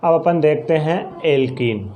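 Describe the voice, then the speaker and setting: A male science teacher with a fairly high voice and a Rajasthani Hindi accent, teaching a chemistry lesson step by step. He counts aloud and poses his own questions before answering them. A faint hiss sits under the recording. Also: animated, measured pace, dull audio.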